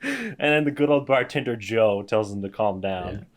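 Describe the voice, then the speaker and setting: A man's voice: lowish voice, lively intonation, normal speed. A young man co-hosting a podcast, talking about a horror film in a laid-back, joking way with casual swearing. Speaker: podcast co-host. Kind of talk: casual movie review chat.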